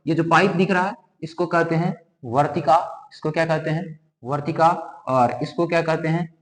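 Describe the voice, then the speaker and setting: Male biology teacher, fairly high voice, quizzes himself aloud, long room reverb. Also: steady tone, normal speed. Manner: asks questions and answers them himself, repeating terms. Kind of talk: classroom lesson with drawing.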